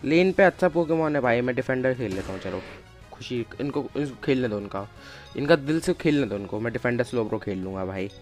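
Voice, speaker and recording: A man's voice: mid-range voice, brisk, soft background music. Chatty male game streamer. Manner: chatty, calls out to viewers and teammates, bursts of excited shouting. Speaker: gaming streamer. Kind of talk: casual live game commentary.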